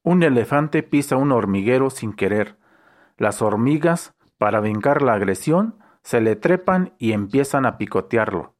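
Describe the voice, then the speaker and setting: A man reading short jokes aloud as an unhurried storyteller who briefly voices the punchlines. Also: mid-range voice, animated. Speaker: joke reader.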